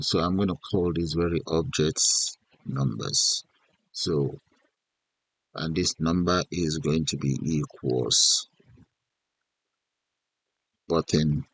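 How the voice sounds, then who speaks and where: A man giving an unscripted software tutorial as an instructor, thinking aloud in short instructional fragments. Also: rumbling low, vocal fry, no echo. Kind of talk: unscripted step-by-step screen tutorial narration.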